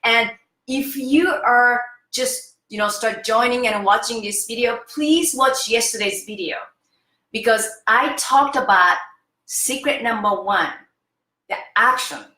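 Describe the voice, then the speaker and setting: A woman's voice: fairly high pitch, measured pace, bright, forceful tone, roomy sound. Upbeat woman in her fifties teaching face yoga. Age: 50s. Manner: enthusiastic, keeps checking in with "okay?". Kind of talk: interactive online lesson.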